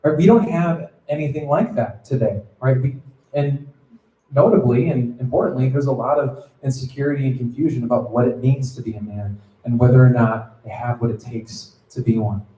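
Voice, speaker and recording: Mellow-voiced man preaching in a roomy hall. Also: mid-range voice, moderate pace. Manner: conversational, checks in with the audience; acts out quoted voices in his stories. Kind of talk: sermon to students. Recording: echoey room.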